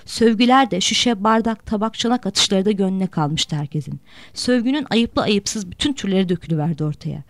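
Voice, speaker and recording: A woman narrating a novel in a steady, measured reading voice. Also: mid-range voice, no echo. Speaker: audiobook narrator. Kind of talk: storybook narration.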